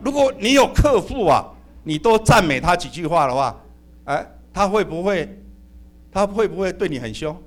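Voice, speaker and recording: A middle-aged male pastor preaching with a high voice that keeps leaping up and down. He is humorous and animated and often calls out amen and hallelujah. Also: normal speed. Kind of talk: sermon.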